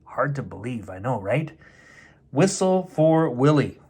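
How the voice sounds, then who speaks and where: A middle-aged man hosting a bedtime story show reads a picture book aloud at a measured pace, very animated in a medium-pitched voice that is a little mellow and slightly rough. He tosses in playful, chatty comments for the kids.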